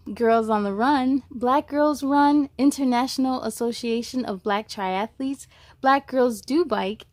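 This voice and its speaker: Hosting a children's read-aloud, a woman reads a storybook with enthusiasm and talks directly to young listeners in chatty asides. Her voice is on the high side, with no room sound.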